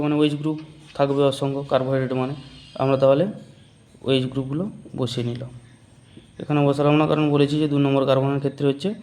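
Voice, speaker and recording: A man teaching a biology lesson in Bengali-accented speech, asking the class questions and answering them himself, repeating key terms slowly. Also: mid-range voice, warm tone. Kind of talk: whiteboard chemistry lesson.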